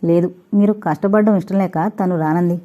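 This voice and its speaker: A woman voicing a reserved young husband who speaks quietly and with restraint. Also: fairly low pitch, steady tone, normal speed, natural voice. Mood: subdued. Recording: tinny, phone-like recording.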